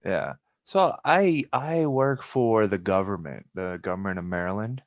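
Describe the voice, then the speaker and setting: A man's voice: lowish voice, lively intonation, a little slow. A young man from Pakistan, a podcast guest, chatting casually and rambling with many restarts. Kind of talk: casual chat.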